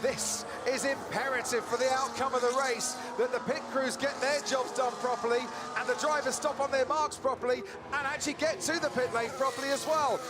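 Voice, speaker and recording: A man leads live commentary on a motor race, urgent and dramatic, firing off rhetorical questions. His voice is extremely high, steady in tone and fairly quick. Loud engines, race cars and outdoor circuit ambience fill the background.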